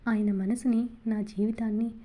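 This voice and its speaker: A woman's voice: a little high, little pitch movement, normal speed, warm tone, lightly acted. A woman voicing a doting young wife who frets and scolds her husband. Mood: worried. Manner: anxious, scolding.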